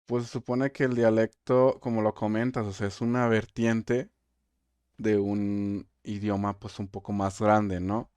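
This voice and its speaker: A man's voice: on the low side, little pitch movement, a little slow, a little mellow, clear, resonant tone, dry recording. A man in his twenties with a Mexican accent, hosting a podcast and thinking aloud as he asks questions in casual chat. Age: 20s. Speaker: podcast host.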